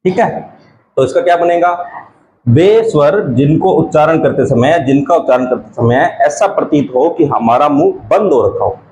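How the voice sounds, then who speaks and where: A male teacher gives an exam-prep grammar lesson, asking questions and answering them himself while repeating key terms slowly. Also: fairly high pitch, darkish tone, slight background noise, poor audio.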